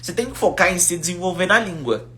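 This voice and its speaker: A young Brazilian man, an English teacher, chatting casually on a live stream, reading out viewer comments in a relaxed, slangy way. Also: sits high, fast. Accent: Brazilian Portuguese. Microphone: phone.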